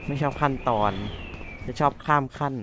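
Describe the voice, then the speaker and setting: A man's voice: moderate pace, sharp tone, a little hiss or hum. A man playing a horror game, chatting to himself in casual commentary, jumpy and swearing when startled. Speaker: let's-play gamer.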